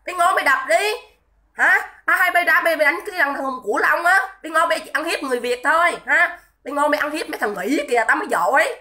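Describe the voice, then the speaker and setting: A woman's voice: high-pitched, fairly quick, bright, forceful tone. A woman, ranting on a livestream in a scolding, indignant, repetitive way and greeting viewers between tirades. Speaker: livestream commentator. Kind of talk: livestream rant.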